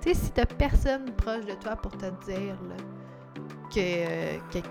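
A woman's voice: medium pitch, animated, slow, gravelly, music in the background. A woman with a Québécois accent hosting a solo podcast, chatty and enthusiastic, mixing in English words. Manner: chatty and enthusiastic, many fillers and English loanwords. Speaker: podcast host.

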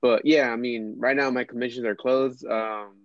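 A man who is a guest on a podcast, talking about his design work with many pauses and filler words. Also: medium pitch, steady tone, no echo, dull audio. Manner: hesitant, full of ums and uhs. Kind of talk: casual chat.

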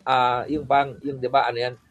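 A man's voice: mid-range voice, moderate pace, no room sound, soft background music. A man, a photographer guest, chatting casually and telling stories from his work, switching freely into English. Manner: relaxed storytelling, mixing English in. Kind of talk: casual podcast chat.

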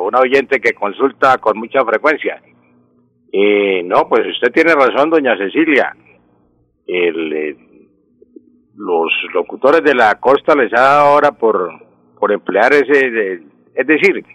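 A man's voice: medium pitch, a bit bright, dry recording, poor audio. A Colombian man, a language expert on a radio call-in show, patiently explains pronunciation rules and stretches out the example words. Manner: didactic, drawn-out example words. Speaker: language expert answering listener questions.

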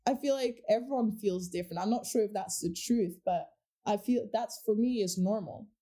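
Talking about where she comes from, this Portuguese woman, whose native language is Portuguese, keeps restarting and dropping in fillers as she reflects casually. She has a medium-pitched, dark-toned voice at a normal pace.

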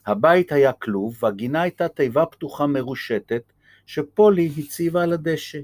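A man reading a children's chapter book aloud in a gentle, lively way. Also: a little high, no room sound. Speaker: storyteller.

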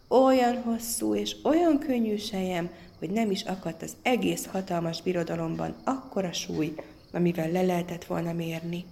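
A woman storyteller reading a fairy tale aloud in a lively, expressive way. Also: medium pitch.

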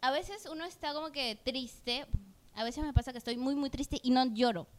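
A woman with a smooth, clear voice that sits a little high. She talks in long, earnest, rambling turns, open and personal, as a podcast co-host in casual chat. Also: moderate pace. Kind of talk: candid conversational podcast.

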